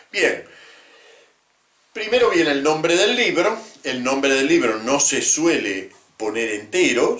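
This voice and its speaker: A man teaching about the Bible in a measured lecture, often adding short tag questions. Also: mid-range voice, fairly bright tone. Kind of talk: explanatory lecture. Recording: roomy echo.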